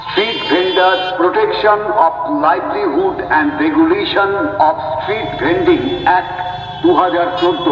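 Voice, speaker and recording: A male public announcer with a high voice and a West Bengal Bengali accent delivers a formal message loudly and deliberately, as if through a megaphone. The sound is muffled and distant, coming from a loudspeaker with long, echoing reverb.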